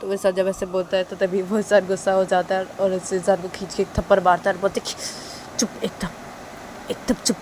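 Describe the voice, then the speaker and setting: A woman's voice: mid-range voice, level tone, quick pace, hardly any pauses, noisy background. A woman narrating a story casually, linking events with repeated phrases. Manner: repetitive, links events with "तो तभी".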